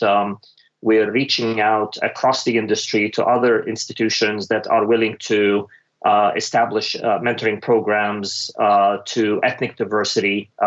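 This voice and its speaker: A senior finance executive from the Middle East, from Lebanon, Kuwait or Dubai, answers as a panellist in a discussion. His fairly low voice delivers measured, considered replies, often pausing to search for words. The audio is dull, muffled and lo-fi.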